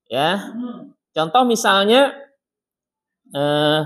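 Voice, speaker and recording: Guy teaching a quran recitation class at the mosque, voice a bit high, talks it through simply and quizzes folks by name. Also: expressive, fairly bright tone. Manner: explains plainly, chants verses in slow melodic recitation. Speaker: Islamic teacher. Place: mosque study circle.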